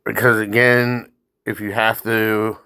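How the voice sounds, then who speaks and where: Male gamer, slow-talking and fairly low-voiced, blunt and instructive, casual walkthrough style in a dry close sound. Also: flat delivery, pushed and bright, smooth, no room sound. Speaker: gamer commentating on own gameplay. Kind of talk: casual mobile game walkthrough commentary.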